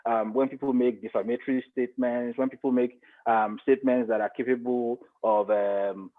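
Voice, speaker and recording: A media expert guest, middle-aged with a Nigerian accent, speaks at medium pitch and normal speed with fairly even intonation. Though his delivery is level, he's emphatic and repeats phrases to push his point, over thin, phone-like radio audio.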